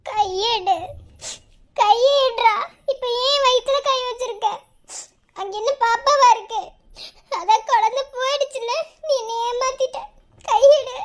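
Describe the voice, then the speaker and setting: Cartoon role: tearful young wife, Madurai Tamil accent, whiny sobbing scolds, very high pitch. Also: female voice, a little slow, long pauses. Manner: sobbing, scolding, childlike whine. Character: tearful young wife grieving a lost baby. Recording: loud background noise.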